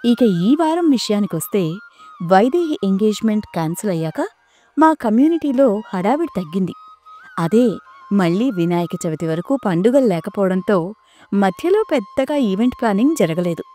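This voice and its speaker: A woman's voice: medium pitch, very animated, normal speed, warm tone, faint music behind. A young adult woman narrating a story in a wry, conversational way, as the show's storyteller.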